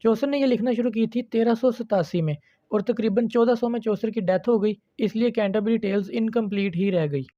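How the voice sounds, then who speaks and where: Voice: medium pitch, brisk, dark tone, no echo, dull audio. An online literature lecturer giving a patient, step-by-step video lesson and addressing viewers as friends.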